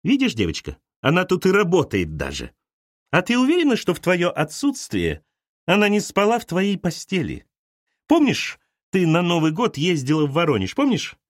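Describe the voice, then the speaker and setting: A small bossy older woman laying down the law, as a male narrator puts her on, lively and sing-song when she mocks. the recording is dry and close. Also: high-pitched, moderate pace, no echo, pitched above the performer's own voice, full character voice. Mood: scornful. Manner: lecturing, sharp and commanding. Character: bossy little older woman, scornful and preachy.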